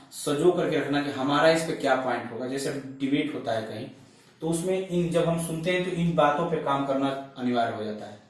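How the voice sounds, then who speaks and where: A man's voice: fairly high pitch, distant mic. A man giving a teaching lecture on language skills, listing his points one by one in a methodical way. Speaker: teacher trainer. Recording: echoey room, voice off-mic.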